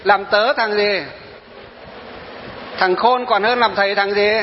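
A high-pitched man, a Buddhist monk, delivers a dharma talk full of stories and rhetorical questions. The sound is dull and lo-fi, with a long reverb as in a hall, and faint noise underneath. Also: steady tone, takes it slowly. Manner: storytelling, quoting followers, rhetorical questions.

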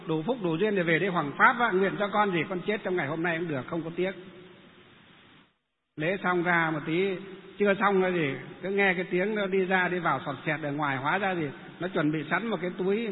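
A man's voice: high voice, a little fast. A man who is a Buddhist monk, telling a story and asking himself questions. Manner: lively, rhetorical questions. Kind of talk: storytelling talk. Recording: tinny phone-like sound with long reverb and faint noise.

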